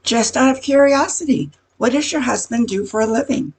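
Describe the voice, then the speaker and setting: Playing a nosy neighborhood gossip for an amateur radio comedy, this older woman speaks briskly in a husky, creaky voice on the high side. She's chatty and insinuating but comes across flustered.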